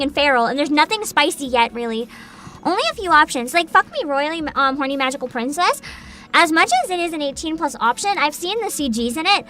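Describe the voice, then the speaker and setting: A young woman vtuber hosting a livestream chats casually and reacts, sounding high, bright and excitable. She's giggly, informal and sweary, with background music playing.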